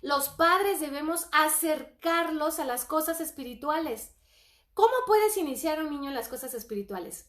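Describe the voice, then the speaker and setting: Woman, middle-aged, high voice, earnest parenting teacher, echoey room. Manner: earnest, animated, reads scripture aloud. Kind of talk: informal Bible-based parenting talk.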